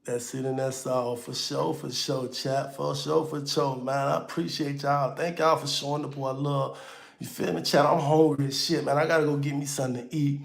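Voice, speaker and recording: A man's voice: medium pitch, level tone, moderate pace, creaky, roomy sound. A man hosting a casual livestream, talking loosely and slangy straight to his viewers, with auto-tune on his voice. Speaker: livestream host.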